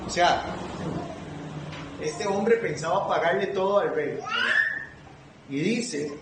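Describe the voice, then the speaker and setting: A man's voice: high-pitched, takes it slowly. A man from Costa Rica leading a church Bible study, reading scripture aloud and quizzing his group with questions. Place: church meeting room. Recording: echoey room, far from the mic, noisy.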